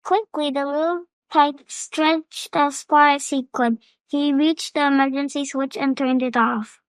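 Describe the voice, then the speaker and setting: A woman reading a children's fable aloud as storyteller, slow and expressive. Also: sits high, no echo.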